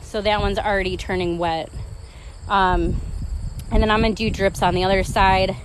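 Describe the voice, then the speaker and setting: A woman's voice: mid-range voice, steady tone, moderate pace, background noise. A young woman hosting a casual live craft demonstration outdoors, chatting in a rambling way full of fillers, into a phone. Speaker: crafting tutorial host.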